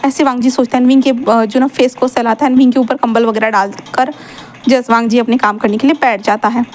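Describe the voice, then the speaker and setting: A woman's voice: on the high side, fairly even intonation, brisk. A woman telling a fan-fiction story in a casual, chatty way, full of fillers and English words mixed in.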